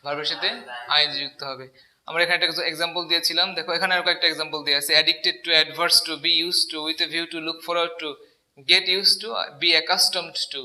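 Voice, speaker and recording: A man's voice: a little high, steady tone, fairly quick, bright, forceful tone. A man teaching an English grammar lesson, asking the class questions and repeating key words. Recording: echoey room.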